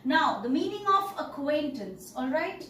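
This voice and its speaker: A woman teaching an English story lesson, explaining words slowly and checking in with "okay" and "all right". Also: high voice, big pitch swings, bright, forceful tone. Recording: roomy, distant mic, faint noise.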